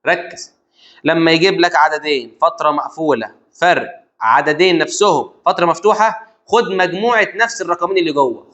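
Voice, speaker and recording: Fast, lively Egyptian math teacher. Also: male voice, on the high side. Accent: Egyptian Arabic. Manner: animated, repeats key rules, addresses student as "engineer". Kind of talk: exam review lesson. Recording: lo-fi dull sound.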